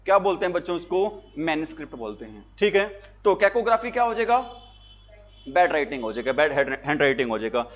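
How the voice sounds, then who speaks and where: A man's voice: a little high, big pitch swings, quick pace, muffled recording. A male teacher giving an exam-prep lesson to students, asking questions and answering them himself in a call-and-response way, with jokes and anecdotes. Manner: jokey, tells anecdotes.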